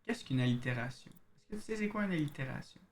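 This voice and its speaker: Here a man with a Québécois French accent streams a game, talking casually to viewers and reading the in-game letters aloud slowly, like a narrator. His voice sits a little high and has lively intonation.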